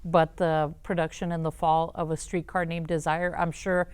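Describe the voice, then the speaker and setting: A woman hosting a talk show, interviewing in a conversational way with hesitant, halting phrasing. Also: low voice, level tone, darkish tone, clear, resonant tone, no room sound.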